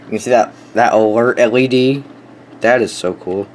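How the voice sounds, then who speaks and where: A young man speaking at medium pitch and a moderate pace gives an informal, unscripted tour of his weather radio collection. He sounds offhand but eager, and the home recording has obvious noise.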